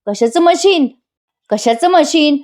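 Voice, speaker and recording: A woman's voice: high voice, expressive, takes it slowly, a little mellow, voice pushed up. A woman reading a playful young lawyer. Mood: mock-formal. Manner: mock-formal, teasing.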